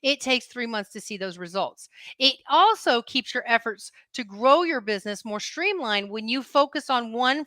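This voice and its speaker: A woman's voice: a little high, bright, forceful tone, no echo. A woman with a Southern US accent gives a business coaching talk on a live stream, stressing and repeating her key points.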